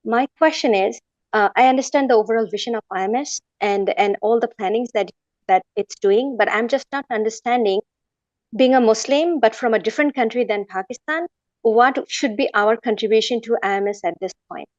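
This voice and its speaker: A woman in her forties from Bangladesh asks questions on a video call, pausing and filling gaps as she goes. Her voice sits fairly high, and the audio is dull and dry. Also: darkish tone, no room sound. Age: 40s. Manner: hesitant, many fillers. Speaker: participant asking questions.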